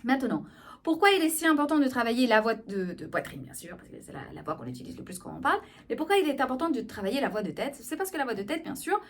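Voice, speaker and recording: A woman speech therapist giving an explanatory video lesson on voice, lively and often checking in with her listeners. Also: on the high side, fast talker.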